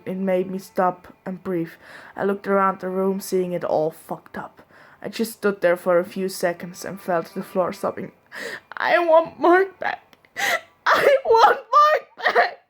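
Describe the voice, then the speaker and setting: Her voice is fairly low and a little mellow as this young woman reads fanfiction in the first person. Now and then she giggles and stops to crack a joke, with faint music in the background.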